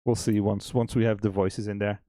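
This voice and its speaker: A man, an indie game developer, chatting casually on a stream, relaxed and laughing often. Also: on the low side, a little fast, no room sound. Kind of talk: casual chat on a dev stream.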